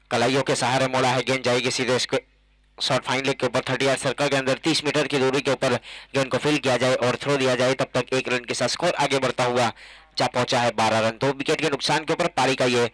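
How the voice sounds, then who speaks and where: A man with an Indian accent giving excited live ball-by-ball cricket commentary as the match announcer. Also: mid-range voice, dry recording, poor audio.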